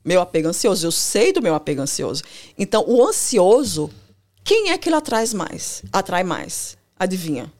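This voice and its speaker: A woman therapist, explaining ideas in a podcast conversation, animated and laughing easily, often acting out quotes. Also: mid-range voice, normal speed. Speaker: family and couples therapist, guest.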